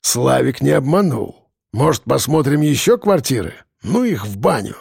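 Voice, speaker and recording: A man's voice: mid-range voice, sing-song, normal speed, creaky, darkish tone, husky, no room sound, clean studio sound, heavily acted. A man voicing a blunt, coarse-talking male friend.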